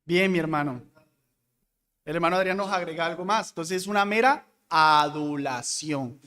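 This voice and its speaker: High-pitched guy leading bible class, asks the group stuff then answers it, echoey hall. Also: normal speed, bright, forceful tone. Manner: explanatory, asks the class questions and answers them. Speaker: deacon teaching Bible class.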